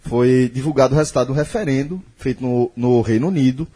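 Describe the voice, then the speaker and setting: A man's voice: medium pitch, a little fast, dark tone, husky. A man hosting a casual podcast, explaining the topic at length and often tagging his sentences with short questions. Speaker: podcast host.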